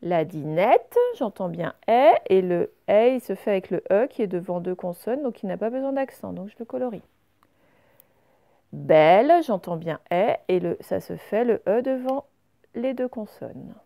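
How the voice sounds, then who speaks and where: Mellow-voiced woman teaching a reading lesson. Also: medium pitch, lively intonation, normal speed. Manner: clear, careful word-by-word correction of exercises. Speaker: primary school teacher. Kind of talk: recorded reading lesson for young pupils.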